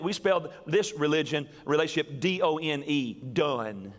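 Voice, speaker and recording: A middle-aged male pastor giving a sermon in a church, animated and quoting people in acted voices. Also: a little high. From US South. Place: church sanctuary. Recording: long church reverb.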